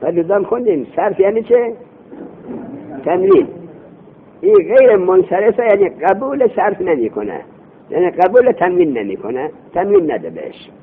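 A man teaches grammar in a seminary lesson, quizzing his student and answering his own questions, then slowing to recite lines. His voice sits high and moves through a wide, animated range. The recording is thin and phone-like. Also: vocal fry, a little hiss or hum. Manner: slows to recite Arabic phrases.

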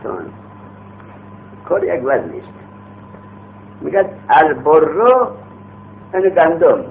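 A man's voice: fairly high pitch, sing-song, creaky. Guy teaching grammar class, asks stuff then answers it himself, tinny phone-ish sound. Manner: explains by asking questions and answering them himself; uses everyday street examples and acts out vendors calling. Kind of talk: classroom lecture on a grammar text. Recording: tinny phone-like audio with faint hum.

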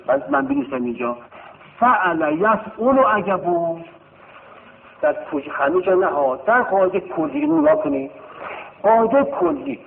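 A man teaching grammar, chanting verb paradigms in a slow sing-song that swoops from high to low. His fairly high voice has a gravelly edge. It comes through thin and phone-like, with a long echo as though from a large hall. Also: slight background noise. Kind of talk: classroom lesson, chanting verb conjugations. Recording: tinny phone-like sound in a reverberant hall.

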